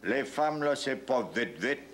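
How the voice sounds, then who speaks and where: An actor playing a smug, gruff chauvinist husband, speaking in a condescending tone. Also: male voice, mid-range voice, expressive, a little slow, fairly bright tone, slight background noise.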